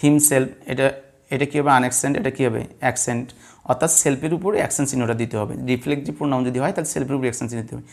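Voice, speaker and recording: A male teacher from Bangladesh gives a classroom-style lesson, asking his students questions and answering them himself. His voice has a gravelly, creaky edge at a middle pitch. He talks patiently and repeats each rule several times. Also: steady tone, rapid-fire. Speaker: English teacher. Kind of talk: blackboard lesson explaining word stress.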